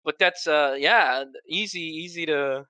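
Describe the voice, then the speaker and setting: A man co-hosting a podcast in casual chat, an animated storyteller who laughs often. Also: on the high side, unhurried, smooth, no room sound. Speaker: podcast co-host.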